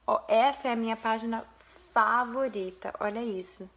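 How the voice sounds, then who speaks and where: Gushing young Brazilian woman, slight vocal fry. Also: a little high, moderate pace, a bit bright. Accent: Brazilian Portuguese. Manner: gushing, chatty, addresses viewers directly. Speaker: vlogger, mother. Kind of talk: casual vlog, showing a photo album.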